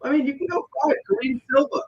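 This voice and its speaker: A man in his late thirties co-hosting a casual podcast, animated and teasing, swearing freely. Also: very high-pitched, quick pace, lo-fi sound, crowd noise. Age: 30s. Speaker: podcast co-host.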